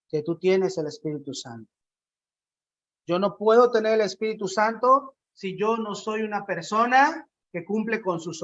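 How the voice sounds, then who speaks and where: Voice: medium pitch, fairly bright tone, muffled recording. A preacher giving a conversational sermon, asking the congregation questions and acting out quotes.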